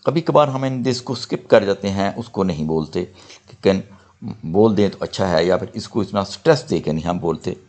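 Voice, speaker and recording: An older man teaching English grammar, saying example sentences slowly and deliberately. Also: low voice, expressive, a little mellow. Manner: slow deliberate model sentences, explanatory. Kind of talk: spoken grammar lesson.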